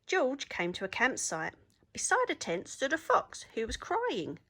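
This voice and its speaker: Woman teacher doing storytime, expressive, voice goes up and down loads. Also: sits high, unhurried, a little hiss or hum. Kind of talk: children's story read-aloud.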